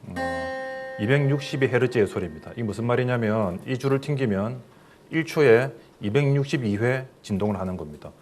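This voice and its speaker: A man's voice: medium pitch, fairly quick, darkish tone, faint music behind. A middle-aged man, a professor, giving a recorded lecture in a plain explanatory way, with fillers and questions to the listeners.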